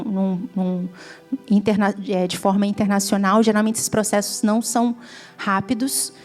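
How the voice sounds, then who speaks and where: A woman's voice: medium pitch, a little mellow. A woman from Brazil with a Brazilian Portuguese accent, giving a heartfelt testimony sermon at a church gathering that rises to fervent emphasis. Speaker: guest preacher.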